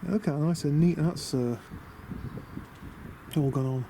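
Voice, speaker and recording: A British man with a slightly high voice talks slowly in a casual, rambling vlog, muttering asides to himself in an understated, chatty way. He's a DIY vlogger showing off a camper van conversion outdoors by a van beside a house. The camera audio is windy and noisy, with wind in the background.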